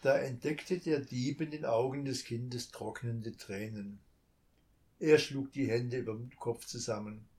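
A man narrating a children's story in a calm, measured reading. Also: mid-range voice.

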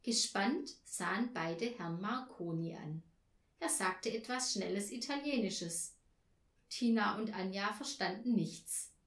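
A woman reading a children's story aloud as narrator, with slow, lively storytelling intonation. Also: mid-range voice. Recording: roomy echo.

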